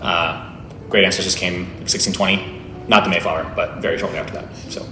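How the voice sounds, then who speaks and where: A man's voice: low voice, flat delivery, fairly quick, roomy sound, noisy background. A man in his late twenties introducing himself in a chatty way, with many fillers. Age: 20s. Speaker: interviewee. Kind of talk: casual interview answers.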